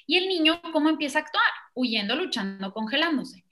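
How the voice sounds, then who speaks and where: Woman, parenting expert; high, bright voice, animated explainer. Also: fairly quick. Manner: animated, acts out children and parents in quoted voices. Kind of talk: explanatory conversation.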